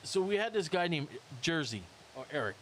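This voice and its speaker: Man, fifties, rapper guest, lively storyteller, mimics sounds, swooping pitch, faint hiss. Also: normal speed. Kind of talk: casual roundtable chat.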